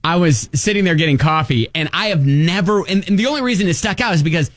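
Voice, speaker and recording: Telling a story in casual on-air banter, an Ohio radio co-host speaks in a high, animated, slightly nasal voice and keeps making quick restarts.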